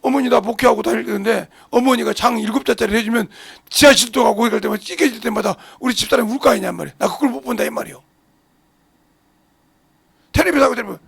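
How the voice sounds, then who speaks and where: A fast-talking male pastor with vocal fry and a husky tone delivers an impassioned sermon. He moves between loud shouts and low mutters and throws rhetorical questions at the congregation, with no echo in the recording.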